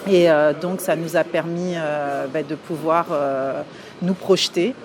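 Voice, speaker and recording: Woman, 40s, from France, interview guest; halting and full of fillers, lower voice, traffic audible behind. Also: steady tone. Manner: hesitant, many filler sounds and restarts. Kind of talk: casual interview answers. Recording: clear outdoor street noise behind.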